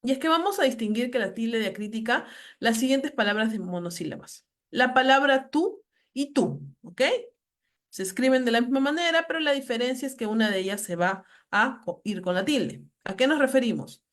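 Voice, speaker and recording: A woman lecturer giving a grammar lesson, slowly reading out example words with heavy stress. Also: fairly high pitch, lively intonation.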